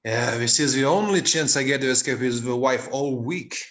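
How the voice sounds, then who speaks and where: A man's voice: medium pitch, normal speed, fairly bright tone, lightly acted. A man reading the part of a hesitant, stammering set builder in a village drama group. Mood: wry. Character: hesitant married man who builds the sets. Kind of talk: amateur play reading. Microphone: video call.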